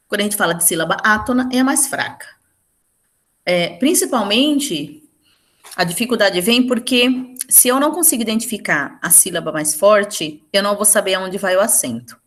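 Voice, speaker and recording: A woman teaching a Portuguese grammar lesson for exam preparation, explaining step by step and slowing down to stress example words. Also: medium pitch, fairly bright tone. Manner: explains step by step, often checking in with "certo?".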